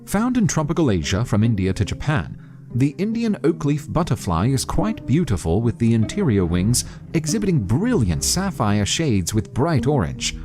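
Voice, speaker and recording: A man's voice: medium pitch, huge pitch swings, moderate pace. A man narrating a scripted nature documentary as a voice-over. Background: prominent background music.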